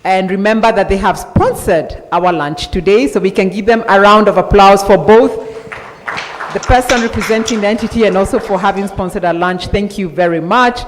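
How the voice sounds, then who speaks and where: A woman emcees a conference in a large indoor hall, introducing panelists upbeat and stretching out names and key words. Her medium-pitched voice moves at a moderate pace through a reverberant PA with a little hiss or hum.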